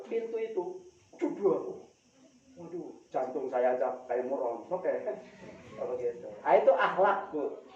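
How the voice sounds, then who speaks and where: Guy preaching at a study gathering, chuckles, tells stories w voices, high pitch, echoey far-off lo-fi sound. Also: warm tone. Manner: storytelling with anecdotes and quoted dialogue; chuckling, addresses the audience directly. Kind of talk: monthly religious study talk. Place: hall of a religious gathering. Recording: distant, echoey, dull lo-fi room recording.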